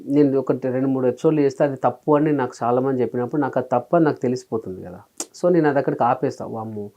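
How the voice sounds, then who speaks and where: Fast-talking man with a lilt. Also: mid-range voice. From Telangana, India. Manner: animated, acts out his own past remarks in quoted asides. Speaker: comedian and mimicry artist, interview guest. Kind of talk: casual storytelling interview.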